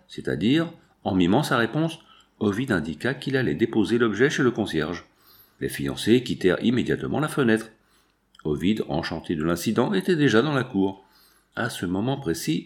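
A man narrating a novel in an expressive storytelling manner. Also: fairly low pitch. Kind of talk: audiobook narration.

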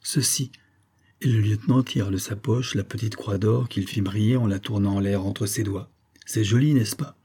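A man narrating a classic short story aloud in a measured, even reading voice. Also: on the low side, slightly rough. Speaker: audiobook narrator. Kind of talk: scripted literary narration.

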